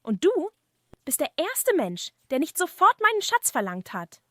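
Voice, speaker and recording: A poor, kind-hearted young villager, played by a woman in fireside storytelling. He speaks high and sincerely, with animated, modest politeness and no room sound at all. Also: a little slow, no echo, clean studio sound, full character voice. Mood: friendly surprise.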